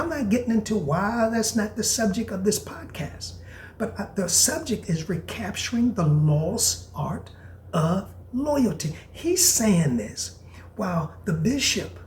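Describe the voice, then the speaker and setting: A man hosting a podcast in a preacher's style, reading aloud and commenting with emphatic repetition and sudden hushed whispers. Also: high-pitched, big pitch swings, measured pace, reverberant, slight background noise. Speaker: podcast host.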